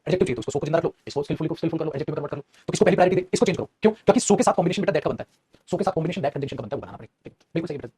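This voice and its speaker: A man teaching English grammar in a fast classroom style, repeating phrases and calling students "beta". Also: a little high, mellow, husky.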